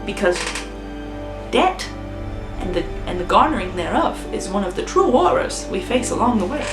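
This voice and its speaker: Speaking at a normal speed in a sing-song, medium-pitched voice, a woman makes up a spooky story on the spot, keeping it playful and chatty and laughing at herself. She sounds roomy and off-mic, with music playing behind.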